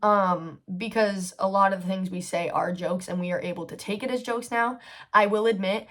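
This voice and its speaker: A woman's voice: mid-range voice, normal speed, fairly bright tone. A woman of twenty hosting a solo podcast, telling a personal story in a chatty, candid way, with lots of fillers and casual swearing. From United States. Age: 20s. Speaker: podcast host.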